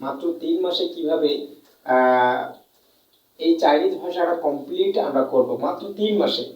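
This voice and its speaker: A Bangladeshi man who teaches Chinese gives a classroom lesson in Bengali, his voice fairly high, a little mellow, and moderately paced. He repeats points, answers his own questions, and stretches out sounds to show the tones. The mic sits at a distance in an echoey room.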